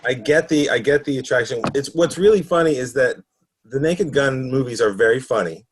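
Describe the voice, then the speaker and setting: A man's voice: mid-range voice, a little fast, a little hiss or hum. A man chatting on a podcast, candid and dry as he explains why a classic comedy leaves him cold. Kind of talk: casual film discussion.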